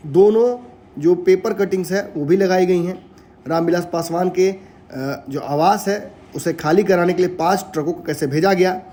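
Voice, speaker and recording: A man anchoring a news bulletin, giving measured, emphatic political commentary. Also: high-pitched, mellow.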